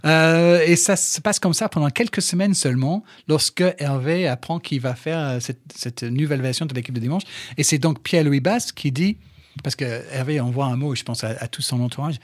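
A middle-aged man from England, a podcast guest, telling stories in French with an English accent, animated and full of restarts. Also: a little high, fairly quick, no echo, studio quality. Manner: animated storyteller, fillers and restarts. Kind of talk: casual conversation. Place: studio.

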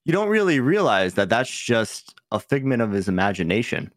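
A man's voice: mid-range voice, very animated, normal speed, no echo, clean studio sound. A man co-hosting a podcast in casual chat, laughing often and swearing casually. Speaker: podcast co-host.

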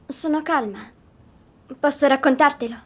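An actress playing a young girl who calmly and quietly recounts a strange dream in an audio drama. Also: high-pitched, moderate pace, natural voice. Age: child figure. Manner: calm, hushed storytelling.

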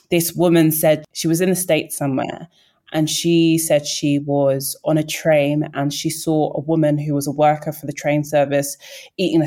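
A woman's voice: sits low, warm tone. A woman chatting conversationally in a discussion, with light laughs mid-sentence. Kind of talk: casual discussion.

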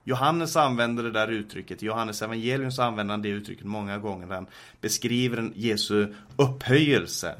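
Low-voiced Swedish preacher teaching scripture. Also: male voice, a bit bright. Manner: reads scripture aloud, then explains it with many fillers and restarts. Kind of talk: sermon teaching.

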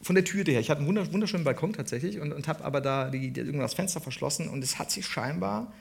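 A man co-hosting a comedy podcast live on stage, telling an animated anecdote with laughter and acted-out voices. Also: a little high, fast, vocal fry. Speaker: podcast co-host. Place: on stage before a live audience in a large hall.

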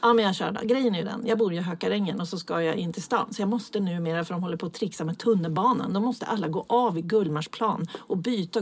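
A woman's voice: mid-range voice, gravelly, husky. A woman co-hosting a casual podcast, telling wry, chatty anecdotes. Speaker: podcast co-host.

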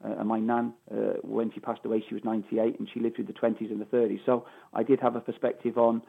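A middle-aged man from Manchester, England, a former footballer with a Mancunian accent, is heard on a phone call answering interview questions emphatically and repeating phrases for stress. He talks fast in a lowish voice with little pitch movement, vocal fry, and slight roughness.

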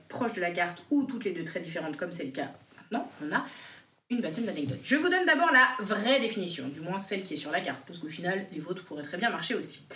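Bright, lively woman hosting a game. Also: medium pitch, far from the mic. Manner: lively, teasing, theatrical patter. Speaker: game master and podcast host. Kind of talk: playful game-show hosting. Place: borrowed apartment. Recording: roomy echo, voice somewhat off-mic.

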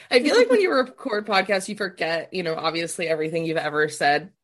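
A woman in her thirties hosting a podcast in casual chat, talking in a chatty, self-mocking way with quick asides, wired on caffeine. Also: lowish voice, animated. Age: 30s. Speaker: podcast host.

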